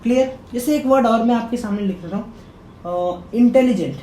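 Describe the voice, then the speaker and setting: A male teacher giving a grammar lesson, quizzing his viewers by repeating key words as questions and sounding words out slowly. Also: warm tone. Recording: echoey room with faint rumble.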